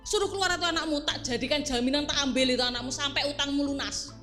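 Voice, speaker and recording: A woman putting on a loud, bullying debt collector. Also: sits high, fairly even intonation, moderate pace, long reverb tail, faint music behind. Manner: loud, barking commands. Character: harsh, burly male debt collector, bullying. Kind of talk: storytelling for children.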